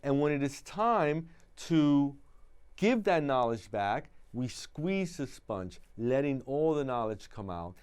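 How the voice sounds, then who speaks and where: A man hosting a public-access talk show, calmly explaining study tips and introducing his guest. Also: medium pitch, slow pace, clean tone. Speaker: host.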